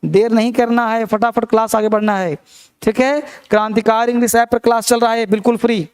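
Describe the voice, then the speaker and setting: A man's voice: extremely high pitch, little pitch movement, fairly quick, clean tone. A man teaching English grammar in a live online class, reassuring his students, repeating his points and quizzing them.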